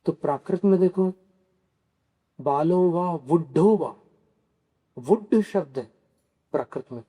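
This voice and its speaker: Monk preaching, male, unhurried and mellow, questions then answers, careful over pronunciation. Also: a little high, expressive, breathy edge. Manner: slow, teaching, poses questions to listeners and answers them. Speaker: Jain monk giving a scripture discourse. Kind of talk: sermon. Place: Kolhapur.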